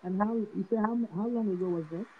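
A woman's voice: mid-range voice, fast talker, phone-quality sound. A young woman hosting a live-stream prayer chat on a phone in a small room, reading viewer comments aloud and exclaiming often. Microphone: phone camera at arm's length.

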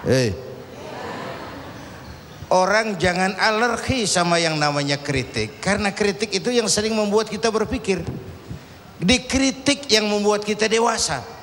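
High-voiced preacher in a reverberant hall. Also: male voice, fairly bright tone. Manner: storytelling, acting out voices in a parable. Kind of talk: sermon to a congregation. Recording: reverberant hall, faint ambient noise.

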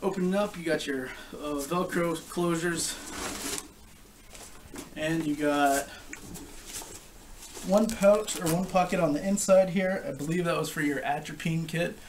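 A young man giving a casual, informal product review to camera, explaining things in a halting way. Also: on the high side. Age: young adult. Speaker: gas mask collector and reviewer. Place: living room couch, indoors. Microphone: camera a short distance away. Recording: distant camera mic with background noise.

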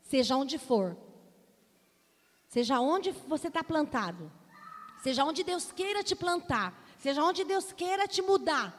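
A woman in her forties with a Brazilian accent, preaching a sermon to her congregation and telling a personal story in an animated, direct way. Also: high-pitched, unhurried. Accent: Brazilian Portuguese. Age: 40s. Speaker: pastor. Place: church hall. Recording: long hall reverb.

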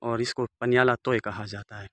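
Walking through open riverbed countryside, a village vlogger in his forties speaks into the phone camera in his hand with a medium, steady, pushed and bright voice at normal speed. His walking-tour narration is formal and devout, dotted with Arabic blessings, in a dry recording.

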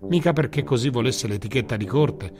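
A man reading a children's story aloud in a lively, theatrical storytelling manner. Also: mid-range voice, fairly quick. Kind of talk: scripted story narration. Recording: music bed under narration.

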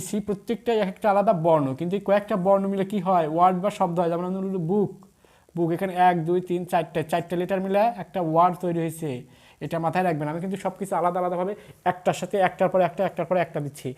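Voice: mid-range voice, fairly even intonation, fast talker, darkish tone. A teacher giving an English grammar video lesson. The teacher spells words out letter by letter, repeats key points and keeps asking the viewers questions.

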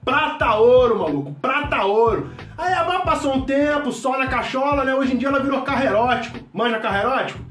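A brash, loud middle-aged mechanic from a comedy sketch, played by a man, who shouts almost every phrase in a very high, strained voice, full of swearing and slang. Carioca accent, rambling speech. Recorded in an echoey room with the mic at a distance and faint music behind. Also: animated, brisk. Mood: boisterous.

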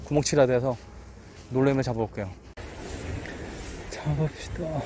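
A man's voice: medium pitch, moderate pace, noisy background. A man hosting his own fishing vlog outdoors by the sea, exclaiming and repeating words as he reels in fish. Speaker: fishing channel host. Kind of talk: excited fishing vlog commentary. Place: seaside harbor outdoors. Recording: loud background music.

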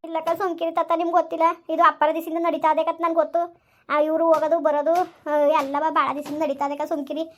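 A distressed young village wife, played by a woman, begs for help in a village family drama. She pleads and weeps, her voice very high and her rapid words held to a narrow, level tone. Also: flat delivery, close to an everyday voice. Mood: defensive. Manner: pleading and tearful.

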